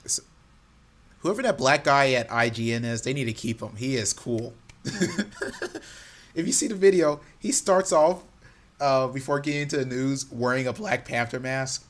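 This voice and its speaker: A man's voice: medium pitch, normal speed. Chatty man co-hosting a podcast. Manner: laughing, animated storytelling. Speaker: podcast co-host. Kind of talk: casual chat.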